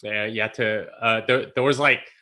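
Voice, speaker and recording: A man's voice: fairly low pitch, steady tone, moderate pace, sharp tone. A man from South Korea, a podcast guest, telling stories in a casual, rambling way with lots of fillers, restarts and laughs. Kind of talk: casual interview chat.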